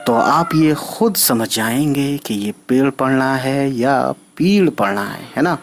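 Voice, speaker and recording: Man, language teacher, very slow and careful, mid pitch, spells words out, keeps checking in. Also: slight background noise. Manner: patient, spells letters out slowly, often asks "right?". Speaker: Urdu teacher. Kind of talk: reading lesson.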